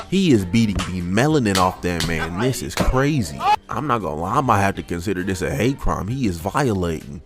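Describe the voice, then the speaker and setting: A man in his twenties giving a joking, slang-heavy recap of fight scenes, full of hype and asides. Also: deep voice. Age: 20s. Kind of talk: comedic recap narration. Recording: music bed under voice.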